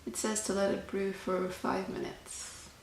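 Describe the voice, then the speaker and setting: A woman host chatting in a soft-spoken ASMR style, explaining things gently and without hurry, with drawn-out pauses. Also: medium pitch, level tone. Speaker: host of a tea meditation channel. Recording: roomy echo, faint background noise.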